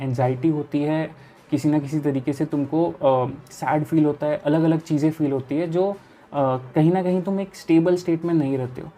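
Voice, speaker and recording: A man's voice: fairly high pitch, warm tone, slight background noise. A young man from India talking casually in an easygoing, explanatory way, giving study advice straight to the viewer in a vlog. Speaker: chartered accountancy student and study vlogger.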